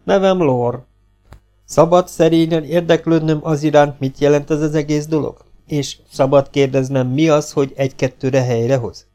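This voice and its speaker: A man's voice: fairly high pitch, fairly even intonation, mellow, soft background music, pitched above the performer's own voice, natural voice. A man voicing a stubborn young legionnaire who answers with wry, polite defiance.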